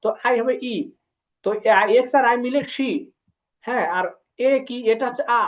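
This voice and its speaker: A man's voice: very high-pitched, normal speed. A man teaching Chinese pronunciation in an online class, patiently drilling syllables and encouraging students.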